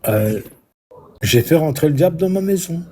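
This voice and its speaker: A man's voice: fairly high pitch, lively intonation, normal speed, mellow, slight background noise. A middle-aged man from Belgium calling into a live stream, speaking earnestly and a bit hesitantly. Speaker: caller. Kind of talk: casual conversation.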